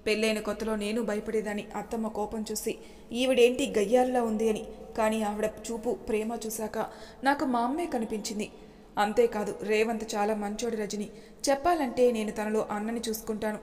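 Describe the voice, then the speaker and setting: A woman voicing a gentle young wife who speaks emotionally and pleads with her husband. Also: fairly high pitch, lightly acted. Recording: long hall reverb.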